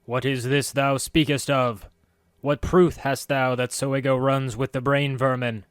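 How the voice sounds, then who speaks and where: A man playing a stern skeletal old high priest who speaks in formal, old-fashioned English. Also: flat delivery, unhurried, clear, resonant tone, dry recording, clean studio sound, close to an everyday voice. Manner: archaic, formal speech.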